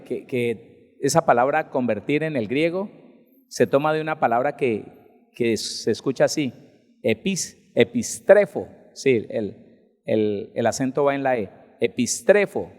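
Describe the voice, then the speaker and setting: A male pastor giving a conversational sermon at a Bible seminar, asking the congregation questions and acting out people's excuses. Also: big-room sound. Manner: lively, rises in pitch and loudness for emphasis.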